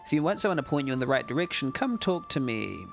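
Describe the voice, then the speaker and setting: A man reading aloud the lines of a helpful town guide in a game, brisk and explanatory. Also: medium pitch, sing-song, gravelly, faint music behind.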